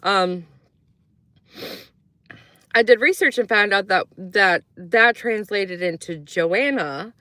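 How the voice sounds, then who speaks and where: With a sharp, mid-range voice and no echo, a Croatian woman speaks slowly to her live chat, pausing often. Her casual storytelling rambles with frequent fillers, and she acts out quoted voices along the way.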